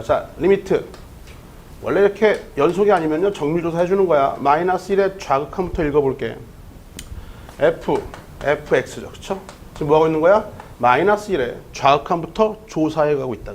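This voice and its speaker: A man teaching an online math lecture, talking students through a problem step by step and checking in with them often. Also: high voice. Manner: lively, keeps checking in with the listener.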